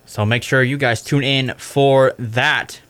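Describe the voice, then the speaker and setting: A man's voice: medium pitch, steady tone, slow, a bit bright. Casual young male sports radio host. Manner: casual, fills with "I mean", corrects himself. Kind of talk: college radio sports recap.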